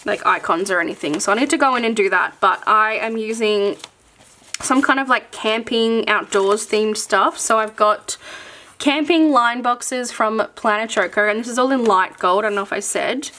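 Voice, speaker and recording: A woman's voice: fairly high pitch, moderate pace, sharp tone, slight background noise. A woman chatting casually and enthusiastically as she shows off her planner supplies, with lots of fillers along the way. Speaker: planner content creator. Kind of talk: casual chat showing craft supplies.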